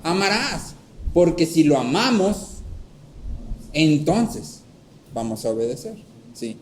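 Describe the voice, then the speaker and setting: A man preaching a sermon, teaching step by step and often checking in with a quick "¿sí?", and acting out a story with lively voices. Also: fairly high pitch, a little hiss or hum, rough recording. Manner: checks in with frequent "¿sí?". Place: church hall.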